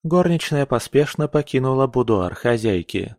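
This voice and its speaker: An audiobook narrator, a man with a mid-range voice, reads a novel aloud in a measured, even storytelling style. It's scripted narration with a dry, clean studio sound.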